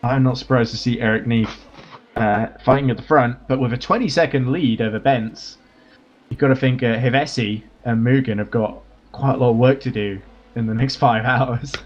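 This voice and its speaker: A man giving live commentary on a simulated endurance race, analytical and steady. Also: medium pitch, normal speed, highs cut off. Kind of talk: live sim-racing commentary.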